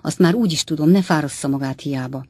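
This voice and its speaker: A woman voicing a lively, quick-tempered widowed innkeeper in an audiobook, raised and louder than her narration. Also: breathy edge, dry recording. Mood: impatient. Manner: higher, louder, flirtatious then tearful. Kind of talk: audiobook character voice.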